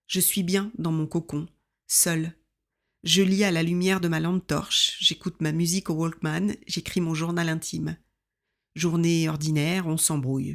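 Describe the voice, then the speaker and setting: A woman in her fifties reading her own memoir aloud in an intimate, reflective, measured way. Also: lowish voice, creaky. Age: 50s.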